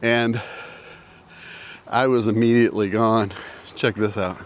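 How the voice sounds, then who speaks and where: Older guy in his 60s, low voice, kinda out of breath, rambly vlog chat outdoors. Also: steady tone, unhurried, slight background noise. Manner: rambling, repeats himself, casual with "dude". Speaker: vlogger. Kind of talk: personal story vlog. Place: outdoors with mountains in view.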